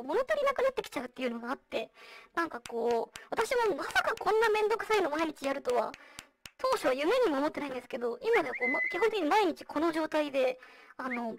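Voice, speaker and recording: In an online virtual-reality venue, a presenter explains survey results conversationally, with the voice run through a voice changer to sound girlish, high and feminine. It comes across as gravelly and distant, buried under heavy background noise.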